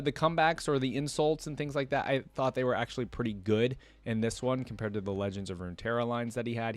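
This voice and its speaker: As a reaction video host, a man gives casual, unscripted commentary to his viewers, rambling and emphatic in a conversational way. His voice is medium-pitched, with no echo.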